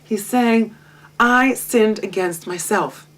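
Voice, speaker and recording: A Hebrew-speaking woman from Israel leads a Torah study session as a guest teacher. Her middle-pitched voice moves slowly, lively and self-mocking with frequent laughter, and the mic sits some distance away in a home library.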